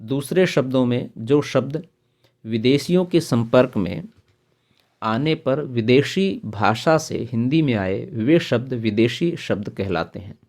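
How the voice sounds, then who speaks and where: A man's voice: mid-range voice, lively intonation, darkish tone. A man teaching a grammar lesson, reading out lists of example words one at a time. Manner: slow, listing word examples one by one.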